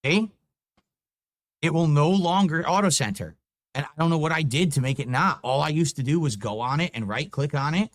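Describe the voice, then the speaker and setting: A young man streaming live, chatting casually and getting frustrated and swearing while fixing his stream software. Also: a little high, normal speed, no echo. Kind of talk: casual livestream chat.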